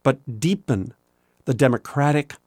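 A man answering in an interview in a deliberate, emphatic way. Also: medium pitch, darkish tone, dry recording, clean studio sound. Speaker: author interviewee.

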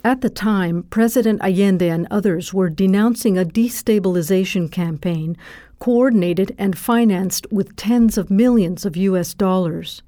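A woman narrating a radio documentary in a measured, serious scripted read. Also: mid-range voice, warm tone, no room sound, studio quality.

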